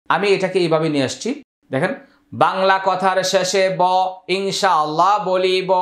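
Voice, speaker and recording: Echoey male Quran teacher, patient and slow. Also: on the high side. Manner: explains rules step by step, drawing out Arabic words slowly. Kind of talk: Quran recitation lesson.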